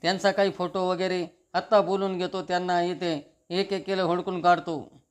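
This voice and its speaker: A man's voice: sits high, little pitch movement, normal speed, clean tone, close to an everyday voice. A man reading as an indignant protective son. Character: angry, protective grown son.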